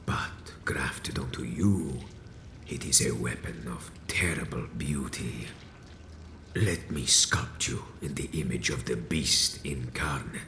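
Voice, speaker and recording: Very deep, echoey wounded vampire elder. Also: male voice, fairly bright tone, heavily acted. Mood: sinister, hushed. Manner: slow, grave, theatrical, archaic formal phrasing. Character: wounded, aged male vampire sect leader, grandiose, bitter. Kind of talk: dramatic video game voice acting. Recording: echoey room with faint noise.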